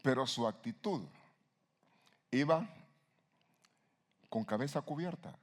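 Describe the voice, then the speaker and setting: Gravelly-voiced man preaching emphatically. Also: mid-range voice, expressive, moderate pace. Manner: emphatic preaching with sudden loud rises and rhetorical questions. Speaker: pastor. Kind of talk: sermon.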